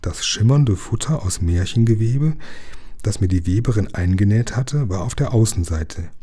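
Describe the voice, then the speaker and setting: A man reading a children's novel aloud as a first-person narrator, calm and measured. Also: lowish voice, slightly rough. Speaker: reader.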